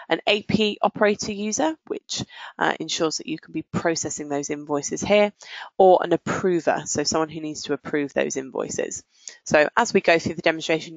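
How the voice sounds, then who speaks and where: This low-quality, echo-free clip features a woman with a low-pitched voice and vocal fry. She leads a live walkthrough of a software product, describing each stage informally yet professionally.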